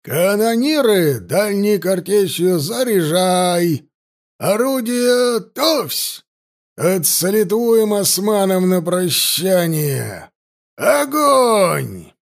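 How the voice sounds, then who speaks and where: A man playing an 18th-century ship captain who barks drawn-out orders to his crew in an audiobook. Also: high-pitched, sing-song, vocal fry, pitched above the performer's own voice, heavily acted. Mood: barking.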